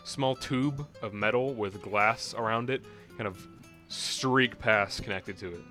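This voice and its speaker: A man's voice: fairly low pitch, unhurried, pushed and bright. A man narrating a tabletop game as game master, improvising scene descriptions in an informal way. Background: guitar music.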